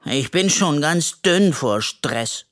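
A storyteller voicing a small, sensitive male raccoon in a children's audiobook with a high, plaintive voice. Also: animated, slow, a bit bright. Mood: relieved. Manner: sighing, sheepish, then proud.

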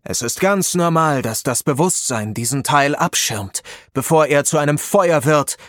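This is a solemn old leader of wizards in a fantasy audiobook, voiced by a man who also reads the narration. He talks slowly and gently, like a patient father. The voice is lifted a bit in pitch and sounds close and dry. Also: lively intonation, no room sound. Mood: solemn, fatherly. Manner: slow, solemn and paternal.

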